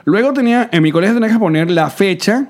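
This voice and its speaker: Podcast co-host: a Venezuelan man in his thirties, slightly higher voice, playful and quick to laugh. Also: expressive. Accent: Venezuelan Spanish. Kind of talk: casual chat.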